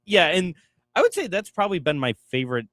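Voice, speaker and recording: A young man co-hosts a sports radio show, chatting casually in an easygoing, agreeable way and laughing often. His voice is high and a bit bright, fast with big pitch swings, captured on a studio mic in a radio studio with clean sound and no echo.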